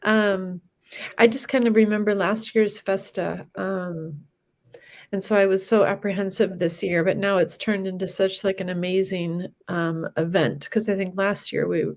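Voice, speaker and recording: A woman's voice: medium pitch, steady tone, moderate pace, a little mellow. Stuffy-nosed woman on a video call. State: stuffy, nasal from travel. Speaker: guest. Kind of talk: casual fan chat.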